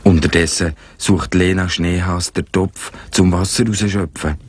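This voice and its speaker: Deep-voiced Swiss German male narrator. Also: fairly even intonation, normal speed, a little hiss or hum. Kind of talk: scripted storybook narration. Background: cartoon music.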